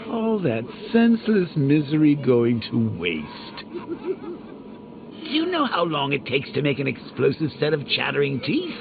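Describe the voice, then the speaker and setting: An actor playing a gleefully sadistic clown supervillain in a video game, theatrical and mocking, with a creaky voice. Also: male voice, a little high, noisy background, full character voice. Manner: theatrical, mocking, drawn-out phrasing with cackles. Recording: muffled game audio under loud music.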